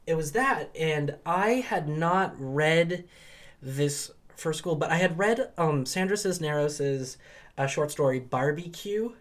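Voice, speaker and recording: A man's voice: on the high side, takes it slowly. A man co-hosting a podcast as a professor, in rambling casual chat full of ums and restarts.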